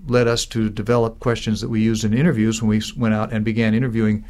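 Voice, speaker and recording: A man's voice: on the low side, little pitch movement, fast, a little mellow. A man who is a business speaking coach and co-founder, telling an anecdote with enthusiasm in a conversational way. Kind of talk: animated conversational storytelling.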